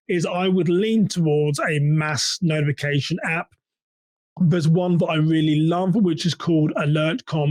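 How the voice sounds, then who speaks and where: Speaking in a slightly high voice with no echo, a church security practitioner runs his own podcast. He explains matters in a conversational way and puts questions to the audience.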